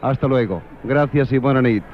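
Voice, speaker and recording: A man's voice: mid-range voice, moderate pace, muffled recording, a little hiss or hum. A man interviewing a guest outdoors at a street event, asking formal questions, heard on an old radio recording.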